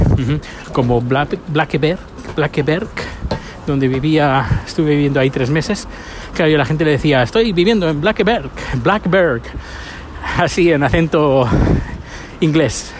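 A man's voice: on the high side, steady tone, moderate pace. A man from Spain with a Spanish accent, hosting a casual spoken diary and rambling with restarts as he walks outdoors. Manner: chatty, rambling, with frequent restarts. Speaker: podcast host. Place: outdoors on a city street, walking. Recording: street noise while walking.

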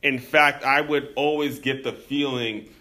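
A man's voice: medium pitch, steady tone, unhurried, bright, forceful tone. A young man from the United States hosting a podcast, telling a personal story in an earnest, reflective way and addressing his listeners as teammates. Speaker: podcast host.

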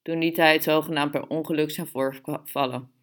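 A woman narrating a literary story in a calm, measured way. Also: deep voice. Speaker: audiobook reader.

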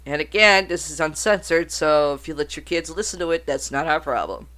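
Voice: medium pitch, a little fast, pushed and bright. Profane podcast host riffing over notes. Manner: reads out notes, then swears and riffs. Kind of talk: casual uncensored podcast commentary.

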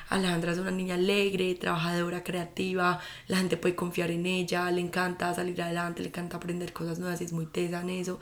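A young woman hosting a casual solo podcast, chatty and full of fillers. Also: fairly low pitch. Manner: chatty, fillers like "como que" and "o sea". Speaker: podcast host and mentor.

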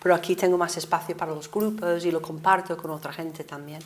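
English woman in her sixties, low voice. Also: brisk. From England, Liverpool. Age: 60s. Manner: animated, laughs often, mixes in English words. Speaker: guest, singing teacher. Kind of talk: casual interview conversation.

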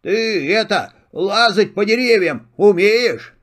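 An older man voicing a wise, gruff old lame hare in a grandfatherly manner. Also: sits high, animated, slow, fairly bright tone, exaggerated voice. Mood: questioning.

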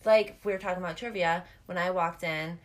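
Woman with vocal fry and a lisp. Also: lowish voice, steady tone, a little fast. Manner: candid, self-deprecating, swears casually. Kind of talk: casual chat.

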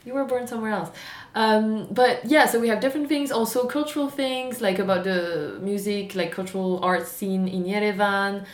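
A woman's voice: medium pitch, moderate pace, hardly any pauses. A young woman co-hosting a podcast, talking earnestly in casual chat while losing her voice. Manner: earnest, talkative. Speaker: podcast co-host. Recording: echoey room with faint ambience.

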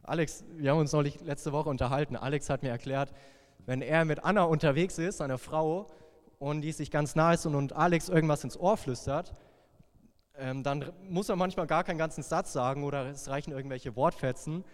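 A young man preaching a sermon, playful and lively, dropping to a hushed voice for tender lines. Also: fairly high pitch, brisk. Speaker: youth pastor. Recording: long hall reverb.

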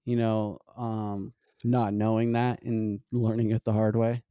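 A podcast host speaks in a warm, smooth voice. He gropes for words with frequent pauses and restarts, reflecting as he talks. The sound is close and dry. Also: fairly low pitch, flat delivery, dry recording. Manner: halting, reflective, many fillers and restarts. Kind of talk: casual conversation.

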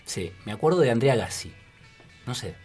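Man, husky, lively pitch, co-host in a radio studio with faint music behind. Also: moderate pace. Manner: hesitant, many "eh" fillers, lively pitch. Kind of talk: casual radio chat.

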